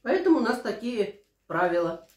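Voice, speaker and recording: Over a meal in her small home living room, a mukbang vlogger in her sixties shares anecdotes in relaxed conversation. She speaks at a normal speed in a slightly high, somewhat mellow voice with big pitch swings. The camera across the table captures the room's echo.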